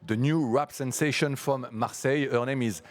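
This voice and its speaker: A man hosts a live radio session, interviewing guests and introducing tracks. His voice sits at a medium pitch, and his questions come with small hesitations. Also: moderate pace. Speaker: radio host. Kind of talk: interview hosting and music introductions.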